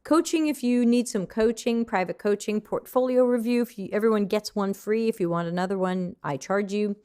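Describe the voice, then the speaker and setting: An American woman from the United States leads a live online design lesson, chatty and conversational, fielding viewer questions as she goes. Her mid-range voice is smooth with a darkish tone, at a moderate pace.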